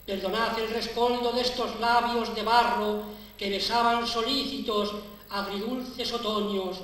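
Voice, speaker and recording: Brief: man, fervent poetry reading, high voice, echoey distant recording. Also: fairly bright tone. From La Mancha, Spain. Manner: solemn, impassioned declamation. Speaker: prize-winning poet. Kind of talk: poetry recitation at an awards ceremony. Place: large hall at a public ceremony. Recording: echoey hall, distant mic, faint hiss.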